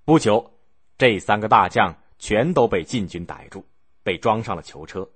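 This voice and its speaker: A man telling a history story in a lively, expressive way, acting out the scenes. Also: fairly low pitch, moderate pace, husky, no room sound.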